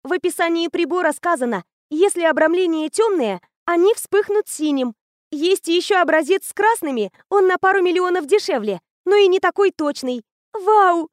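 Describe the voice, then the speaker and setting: Here a woman narrator plays a lively fifteen-year-old, her voice bright and high, rattling along with a know-it-all's eagerness, sounding both indignant and keen. Everything comes out in a quick, gushing, breathless rush. The recording is dry and intimate, with no sense of a surrounding space.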